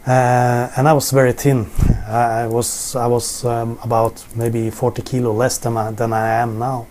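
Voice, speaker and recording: With a level tone and moderate pace, a middle-aged Norwegian-accented man from Norway gives informal Bible teaching in English, seated on his living room sofa facing the camera. His medium-pitched voice is slightly mellow, he repeats words when searching for them, and there's a little hiss or hum.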